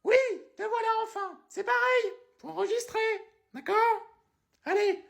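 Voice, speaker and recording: A man putting on a shrill, fussy voice, calling out and saying goodbye. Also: moderate pace, gravelly, fairly bright tone, heavily acted.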